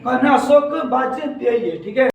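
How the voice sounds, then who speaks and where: A male teacher, giving a classroom lesson in call-and-response style, repeating key words slowly. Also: very high voice, gravelly, dull audio. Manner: asks and answers his own questions, repeats key words slowly. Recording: very echoey room, distant from the mic, faint noise.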